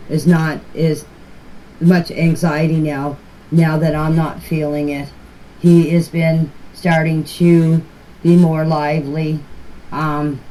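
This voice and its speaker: In a noisy, amateur phone voice message to a group chat, an older woman with a low, warm voice talks casually. She rambles in a plain-spoken way and often repeats herself.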